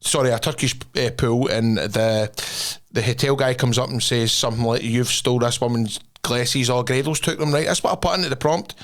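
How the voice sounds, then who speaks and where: A Scottish man hosting a podcast, telling stories in animated, sweary slang and casual banter. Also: medium pitch, a little fast, few pauses. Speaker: podcast host.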